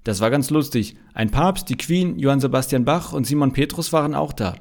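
A man voicing Martin, a cheeky, laid-back male flatmate with an amused way of talking. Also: medium pitch, fairly quick, pitched above the performer's own voice, natural voice.

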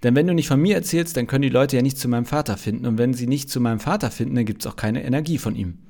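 A man voicing Jesus as an earnest young man explaining things gently. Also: medium pitch, very fast, creaky, pitched above the performer's own voice. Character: cheerful male Jesus, young adult, earnest.

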